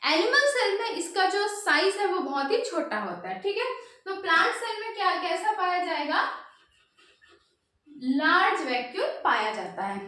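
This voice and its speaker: A woman's voice: very high voice, sing-song, normal speed, pushed and bright. A woman teaching biology for exam prep, asking questions and answering them herself. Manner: repeats "ठीक है" often. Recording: very echoey room.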